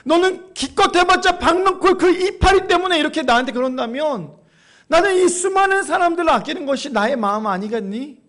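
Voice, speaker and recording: Man doing God in a sermon retelling, very high voice, reproachful, pleading questions. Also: brisk, fairly bright tone. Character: God gently rebuking a sulking prophet.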